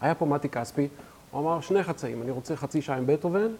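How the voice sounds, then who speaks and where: A man hosting a talk show, asking brisk, teasing questions. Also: on the high side, darkish tone, slight background noise. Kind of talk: casual talk-show interview.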